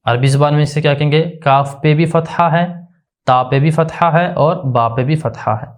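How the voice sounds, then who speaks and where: Guy teaching a grammar class, keeps asking "what is it?" then answering, slow and repetitive. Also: on the high side, steady tone. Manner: drills by asking questions and answering them himself; slow, deliberate, repetitive explanation. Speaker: religious teacher.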